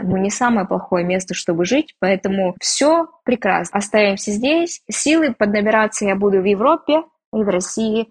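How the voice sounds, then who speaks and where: In a candid, easygoing interview, a Russian woman who emigrated talks openly and makes self-deprecating jokes. She has a somewhat rough voice pitched in the middle range.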